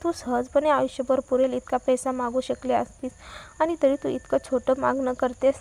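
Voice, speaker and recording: A woman's voice: sits high, little pitch movement, moderate pace, gravelly, a little mellow. A woman voicing a cold, stern wealthy man who gives harsh commands.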